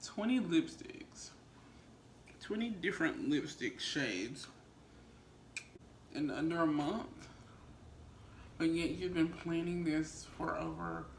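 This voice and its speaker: A woman's voice: sits low, very animated, slow, pauses often. A woman vlogger chatting casually to her viewers in a rambling, conversational mukbang style. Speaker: vlogger and small business owner. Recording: roomy echo, faint background noise.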